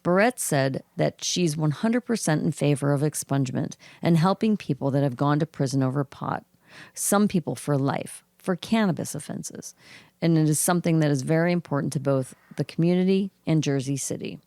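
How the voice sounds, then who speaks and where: In clean, dry studio sound, a woman co-hosting a podcast reads cannabis news at a moderate, even pace. Her low voice is froggy and gravelly, her tone casual, and she pauses to clear her throat.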